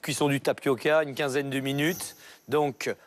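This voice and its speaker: A chef leads a cooking demonstration over background music, his medium-pitched voice steady and his pace moderate. He gives step-by-step instructions and uses short tags to confirm viewers are following.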